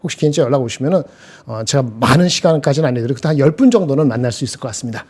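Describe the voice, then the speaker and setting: A man's voice: medium pitch, lively intonation, very fast, a little mellow. A male market commentator on a live show, chatting casually and rambling with self-corrections. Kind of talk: casual chat.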